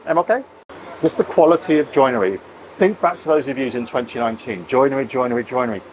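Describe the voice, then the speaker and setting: Talking fast in a mid-range voice, a middle-aged man gives a casual vlog tour inside his catamaran being built at a boatyard. He gushes over the details, chatty and full of oohs. The recording is rough, with slight background noise.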